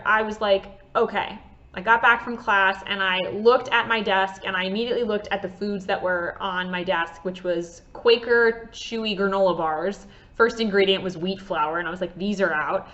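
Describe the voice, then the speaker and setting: A woman in her thirties telling a personal story to camera in a chatty, animated way, acting out the voices of people in it. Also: medium pitch, highs cut off. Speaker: vlogger.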